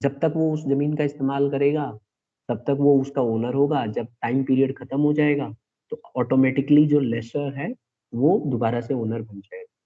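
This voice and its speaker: A man teaches a class in an explanatory way, pausing to ask if the point is clear. His voice sits at an ordinary middle pitch. The audio is narrow and tinny, like a phone line. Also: fairly even intonation. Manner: explanatory, asks checking questions. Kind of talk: classroom lecture.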